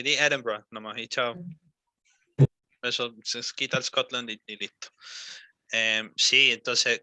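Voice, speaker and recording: A man's voice: medium pitch, bright, forceful tone, no room sound. Young man coaching pronunciation. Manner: patient, repeats and models words slowly, many fillers. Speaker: English teacher.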